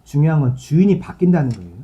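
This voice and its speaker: A man's voice: fairly high pitch, sing-song, racing, warm tone, muffled recording. A male pastor giving a sermon in a conversational, explaining way, reading scripture aloud and then talking it through for his congregation.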